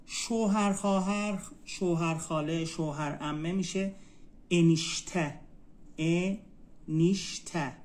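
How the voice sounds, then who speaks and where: A man from Iran teaching a student one-on-one, saying each word slowly and repeating it so the student can write it down. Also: on the high side, fairly even intonation. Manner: repeats words slowly, spells them out for a student. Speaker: Turkish language tutor. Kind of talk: one-on-one language lesson.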